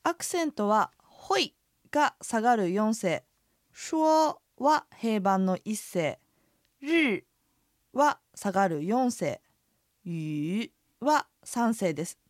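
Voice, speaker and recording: A woman co-hosts a radio language lesson, modeling tones with a lively, swooping pitch. She walks through the pronunciation one sound at a time. The recording is dry and close. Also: slow, no echo. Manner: lively, demonstrative tone drills.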